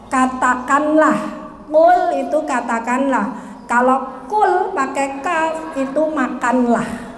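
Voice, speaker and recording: A woman teaching Quranic letter pronunciation, patiently drilling her students and chanting verses slowly. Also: high voice, slight background noise. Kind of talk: tajwid pronunciation lesson. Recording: roomy hall reverb.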